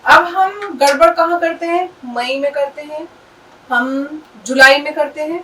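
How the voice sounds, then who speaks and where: A woman's voice: high voice, a bit bright. A woman teaching an Urdu lesson, patiently explaining and spelling words out letter by letter. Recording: distant mic with faint background noise.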